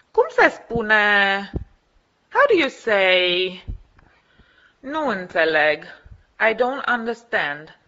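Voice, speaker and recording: A woman reading a bilingual phrase lesson aloud, with clear, measured delivery of short phrases. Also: medium pitch, pushed and bright. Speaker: language teacher. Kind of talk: bilingual phrase drill, read slowly. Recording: dull lo-fi audio.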